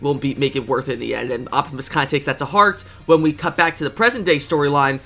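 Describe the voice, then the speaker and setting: A man's voice: medium pitch, fast, bright, forceful tone, faint music behind. A man with a congested, stuffy voice, talking eagerly and casually as a video reviewer, often correcting himself mid-sentence. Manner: eager, enthusiastic, self-correcting.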